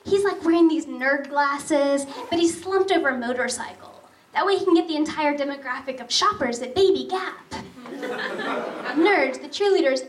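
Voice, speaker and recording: A woman in her thirties doing a stand-up comedy set in a brash, sarcastic way with quick punchlines. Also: extremely high pitch, a little hiss or hum. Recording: echoey room, far from mic.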